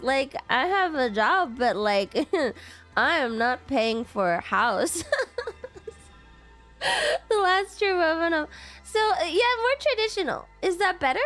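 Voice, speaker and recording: Young woman, cute anime streamer voice, high pitch, swooping intonation, giggly, playful, casual stream chat. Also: vocal fry, a bit bright. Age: 20s. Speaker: VTuber livestreamer. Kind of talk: casual livestream chat, reacting to viewer messages.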